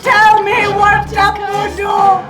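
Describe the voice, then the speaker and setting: Woman playing a high-pitched, prim, sadistic schoolteacher. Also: big pitch swings, slow pace, roomy sound, music in the background, a crowd in the background. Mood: menacing, demanding. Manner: condescending, sugary "dear", bossy. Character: prim, sadistic middle-aged female schoolteacher inquisitor. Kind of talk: comedy parody role-play.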